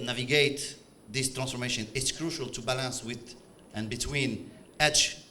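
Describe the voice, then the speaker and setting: A middle-aged Algerian man whose first languages are French and Arabic gives a conference presentation on stage in non-native English with an Algerian accent. His medium-pitched voice is bright and forceful, yet he speaks hesitantly, with many fillers and restarts. There's slight background noise.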